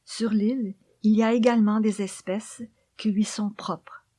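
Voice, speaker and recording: A woman reading memoir and poems in a soft, hushed library whisper, with slow, deliberate phrasing. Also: medium pitch, fairly even intonation, no echo. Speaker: author reading her own book.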